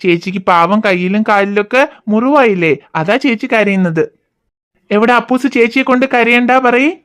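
A woman voicing a patient cartoon father who calms and reasons with small children. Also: medium pitch, moderate pace, smooth, lightly acted. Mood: soothing. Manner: soothing, reasoning, calm. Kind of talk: cartoon voice acting.

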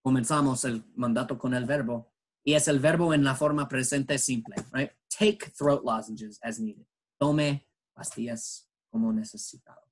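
Slow, patient bilingual English teacher man. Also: mid-range voice, fairly even intonation, slightly rough, rough recording. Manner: slow, patient explaining, switching between English and Spanish. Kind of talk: bilingual classroom lesson.

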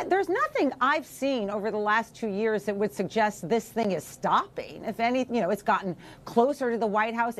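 A woman giving political commentary on a news panel, emphatic and full of fillers. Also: medium pitch.

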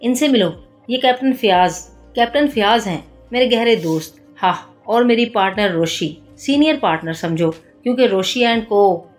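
A playful young detective teases in a mock-innocent tone, as a woman reader voices him. He sounds mischievous rather than serious. Soft music runs under the reading. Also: medium pitch, expressive, normal speed, close to an everyday voice. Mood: teasing.

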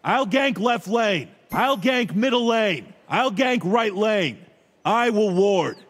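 An actor with an American accent playing a gruff, bossy middle-aged small-town police chief in a video game, giving clipped, commanding lines. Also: male voice, high voice, animated, takes it slowly, fairly bright tone, in a large hall, exaggerated voice. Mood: urgent, commanding.

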